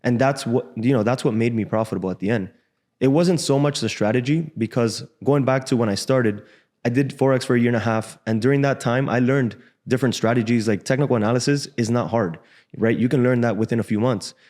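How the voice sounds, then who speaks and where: A man in his twenties, born in Cuba and raised in Miami, speaking as a guest in a casual, frank interview in a podcast studio on a boom mic. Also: fairly quick. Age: 20s. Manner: relaxed, frank, casual slang. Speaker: guest trader. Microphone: desk boom mic.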